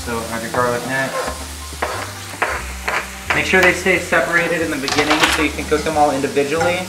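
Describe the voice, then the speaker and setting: A tipsy home cook rambles through a casual cooking tutorial, swearing crudely, in a mid-range voice that runs a little fast. The mic sits far off in a roomy kitchen, so heavy noise from loud music and a sizzling pan fills the background.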